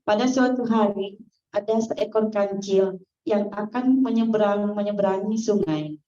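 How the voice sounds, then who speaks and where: Woman attendee telling a short fable, slow and mellow. Far off mic in a roomy hall, lo-fi. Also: mid-range voice. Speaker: workshop participant. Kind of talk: reading a fable aloud on the spot. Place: training hall. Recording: distant, echoey, dull lo-fi.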